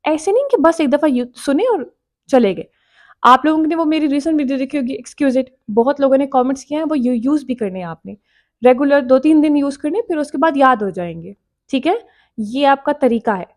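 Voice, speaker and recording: This is a woman with a high voice giving a casual spoken English lesson to her viewers. She talks in a direct, encouraging way and keeps repeating her main point. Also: animated, a little fast, a little mellow. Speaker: English teacher.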